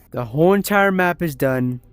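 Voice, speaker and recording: This casual gaming vlog features a young man with a slightly high, gravelly voice, recorded dry. He talks through building a level in a VR game in a chatty, rambling way, correcting himself often.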